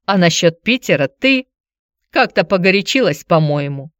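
A woman reading a story, voicing a restrained, awkward ex-husband who answers tersely in her own low voice. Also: animated, moderate pace, clear, resonant tone, no echo, clean studio sound, close to an everyday voice. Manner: terse, hesitant.

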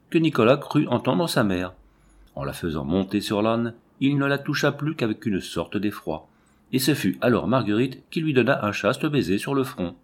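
Man reading a classic novel aloud. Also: mid-range voice. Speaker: audiobook reader. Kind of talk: scripted narration of a classic novel.

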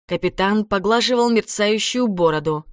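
A woman reading a children's adventure story aloud as narrator, in a dramatic, expressive way. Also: mid-range voice, moderate pace, dry recording, clean studio sound. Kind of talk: audiobook narration.

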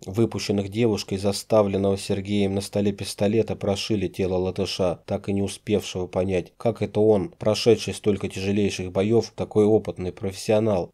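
Male audiobook narrator, low and mellow, measured and dramatic. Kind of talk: scripted narration.

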